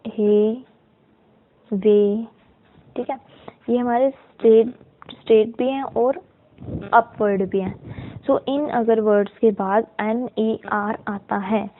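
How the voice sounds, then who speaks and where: A woman shorthand teacher talks slowly and patiently in a fairly high voice. She sounds words out syllable by syllable and keeps pausing to check in with the class. The audio is thin and tinny, like a phone line. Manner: slow and patient, checks in with "ठीक है"; mixes Hindi with English terms. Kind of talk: step-by-step lesson. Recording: tinny narrow-band audio.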